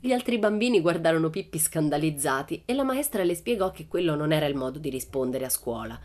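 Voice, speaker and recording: A woman reading a children's storybook aloud in a lively, expressive narration. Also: sits low, fast. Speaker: audiobook reader.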